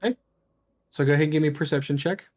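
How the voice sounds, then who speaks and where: A man's voice: fairly high pitch, rapid-fire. Casual man running a tabletop game. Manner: casual, rambling, with many fillers. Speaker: game master.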